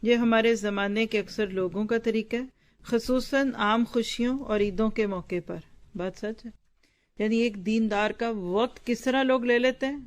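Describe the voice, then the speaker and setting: A woman's voice: a little high, fairly even intonation. Woman teacher explaining a text. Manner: pauses to explain word meanings with quick questions to the class; conversational, addresses listeners directly. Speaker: Islamic teacher. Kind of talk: reading a book aloud and explaining it to students.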